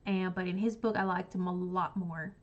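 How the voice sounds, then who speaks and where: This woman's voice sits fairly low, a little mellow, with fairly even intonation at a normal speed. Congested from a cold, the book channel host rambles casually about books on a livestream, peppering her chat with likes and ums. The highs in the recording are cut off.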